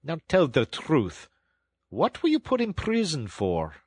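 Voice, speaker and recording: A man voicing a stern but kindly train engine driver who speaks in a firm, plain way, in a husky voice. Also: mid-range voice, measured pace, no echo, studio quality. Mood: stern then kind. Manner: steady, firm and plain-spoken. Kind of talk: audiobook storytelling.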